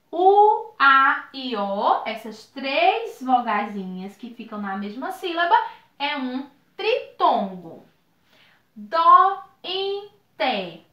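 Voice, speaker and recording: Slow, sing-song woman teacher in an echoey room. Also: high-pitched. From Brazil. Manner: slow, drawn-out spelling of words, lively teacherly sing-song. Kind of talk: recorded video lesson for children.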